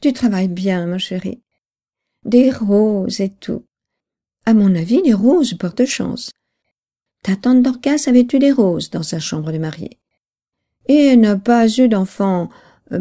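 Woman reading as chatty old farm mum, rambles on, soft mellow voice. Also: mid-range voice, lively intonation, measured pace, natural voice. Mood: fond. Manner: rambling, homely talk. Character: chatty old country mother, fond and gossipy.

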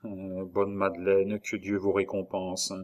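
A man reading aloud, voicing a weary, wrongly accused man who speaks softly and with resignation. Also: low-pitched, monotone, unhurried. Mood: sorrowful. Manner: soft, subdued and resigned. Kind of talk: audiobook reading.

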